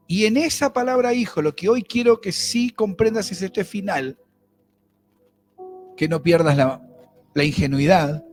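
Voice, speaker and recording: A pastor with a Rioplatense Spanish accent and a slightly high voice preaches a sermon conversationally, asking the congregation questions.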